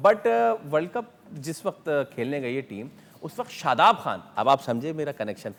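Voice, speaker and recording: A man with a Pakistani accent hosts a studio cricket discussion. His voice sits a little high and moves a lot in pitch. He slips English phrases into his speech and laughs often. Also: very animated, normal speed, creaky. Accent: Pakistani Urdu. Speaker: show host. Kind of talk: studio cricket panel talk.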